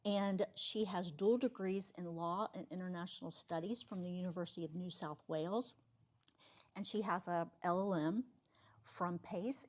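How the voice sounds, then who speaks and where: A woman hosting an event, giving a formal, admiring introduction of a guest speaker. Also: medium pitch. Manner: admiring, reads out credentials. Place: lecture hall.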